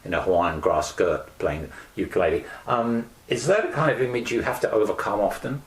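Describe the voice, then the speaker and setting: An older man interviewing a guest, asking questions in a lively, conversational, admiring way. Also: lowish voice, fairly quick. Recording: roomy echo.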